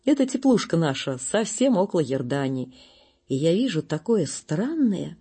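A narrator reads a literary story aloud in an unhurried, storytelling way. The delivery is a plain, steady audiobook reading. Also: mid-range voice, breathy edge.

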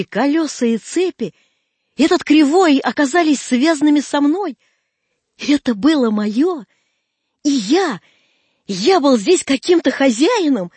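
A woman narrating a story aloud in an expressive reading voice. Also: sits high, breathy edge, no echo. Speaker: reader.

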